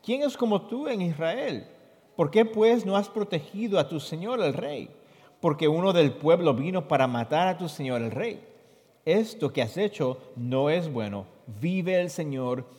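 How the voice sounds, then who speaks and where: Male sermon interpreter, fairly high voice, expressive scripture reading, hall echo. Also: a little slow. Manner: expressive reading that jumps high in the quoted questions. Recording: long hall reverb.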